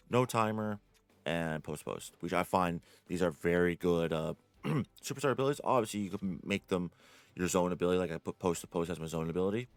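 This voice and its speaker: A deep-voiced man talks through a casual game tutorial in a dry, close-sounding room. He rambles, corrects himself and leans on "like" and "uh". Faint music plays behind him. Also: clean tone, dry recording. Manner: rambling, self-correcting, says "like" and "uh" often. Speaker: gaming guide creator. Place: home room.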